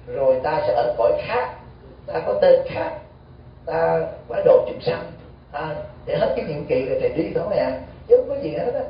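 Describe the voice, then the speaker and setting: A Buddhist monk giving an animated storytelling sermon, full of rhetorical questions. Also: male voice, a little high, slight background noise. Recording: echoey hall, distant dull mic.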